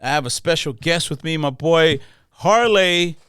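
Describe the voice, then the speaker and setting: Laid-back Los podcast host. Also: male voice, fairly high pitch, unhurried, fairly bright tone, clean tone, no echo, studio quality. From Los Angeles. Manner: friendly, restarts phrases, slang-heavy. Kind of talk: casual interview chat.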